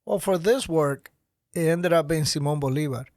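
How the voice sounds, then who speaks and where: Energetic middle-aged man, dry studio sound. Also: a little high, normal speed, no room sound. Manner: energetic, gestures while talking. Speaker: guest, nonprofit founder. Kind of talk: podcast interview. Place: small podcast studio. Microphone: studio mic on boom arm.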